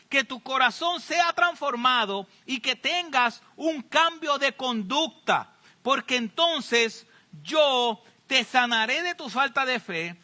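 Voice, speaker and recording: A man's voice: extremely high pitch, pushed and bright. A man preaching a sermon as pastor, speaking earnestly to his congregation and repeating key phrases for emphasis.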